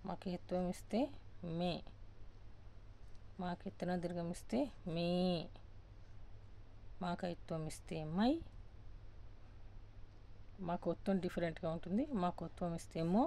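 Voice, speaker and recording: A woman teaching the alphabet, reciting each syllable slowly and deliberately and repeating sounds patiently for learners. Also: on the low side, steady tone, dark tone. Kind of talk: step-by-step Telugu alphabet lesson.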